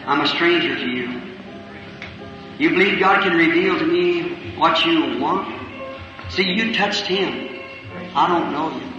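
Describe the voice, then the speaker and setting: A man preaching at a healing revival, slowly and emphatically questioning people in the audience. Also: a little high. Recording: old echoey hall recording, muffled, from far off, music behind.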